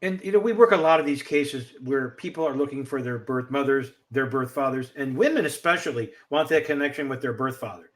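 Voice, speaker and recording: Gentle, supportive male interviewer. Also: mid-range voice, fairly quick, few pauses. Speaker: interviewer who works on birth parent search cases.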